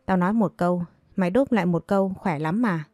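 A woman's voice: fairly low pitch, a little fast, darkish tone, dry recording, close to an everyday voice. Cunning, mocking maid, read by a woman storyteller; dry close sound. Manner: teasing, mocking. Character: cunning young maid, mocking, sharp-tongued.

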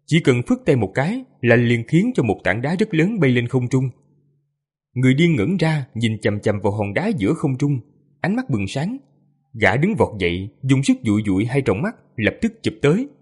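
Man, audiobook narrator, lively intonation, husky tone, storytelling. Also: mid-range voice, normal speed.

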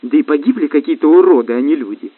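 A man's voice: on the high side, expressive, fast talker, dry recording. Brief: a man playing a nervous, hypocritical fat official, thin fussy voice, phone-like sound. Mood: indignant. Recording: tinny phone-like, dry.

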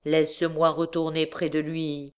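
Pleading mother, emotional and breathless, low-voiced, read by a woman. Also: completely flat delivery, measured pace, darkish tone, clear, resonant tone. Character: desperate pleading mother, middle-aged woman.

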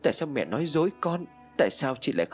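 A man's voice: mid-range voice, animated, moderate pace, soft background music, pitched above the performer's own voice, lightly acted. A man voicing a desperate young woman in grief. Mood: anguished. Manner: pleading, insistent. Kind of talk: audiobook narration.

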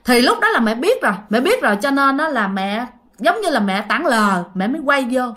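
A woman's voice: sits high, very animated, brisk, fairly bright tone. A woman with a Southern Vietnamese accent who hosts a channel, casually retelling ghost stories in a chatty way and talking straight to her listeners. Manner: chatty, addresses listeners directly, heavy use of sentence-final particles. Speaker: storyteller and channel host.

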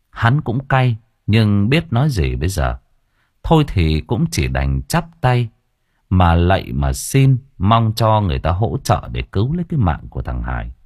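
A man narrates a story in an earthy, colloquial and expressive way. His voice is deep and husky, with pitch that rises and falls a lot, and the recording is close and dry. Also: no room sound. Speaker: audiobook narrator.

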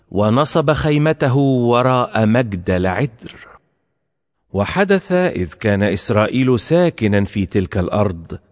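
A man giving a formal scripture reading with a measured, solemn delivery. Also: medium pitch. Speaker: scripture reader. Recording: long hall reverb.

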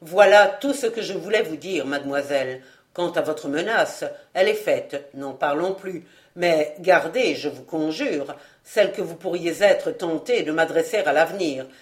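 A woman reading aloud, voicing an insolent male valet who speaks calmly and mockingly. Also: low voice, voice pushed down. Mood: ironic. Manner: mocking, unhurried, calm.

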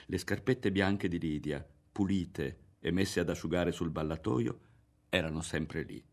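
Deep-voiced man reading a novel. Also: measured pace, darkish tone. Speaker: audiobook narrator. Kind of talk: literary reading.

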